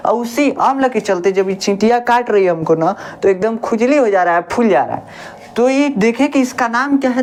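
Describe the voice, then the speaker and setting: A woman teacher, at an everyday middle pitch, runs a classroom-style lesson. She explains with homely examples, asks questions, answers them herself and repeats each key term. A faint background hum sits under her voice. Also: a little mellow. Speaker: science teacher.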